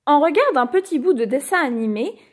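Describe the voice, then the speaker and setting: A woman reading a children's picture book aloud in an expressive, animated bedtime-story manner. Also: sits high, brisk.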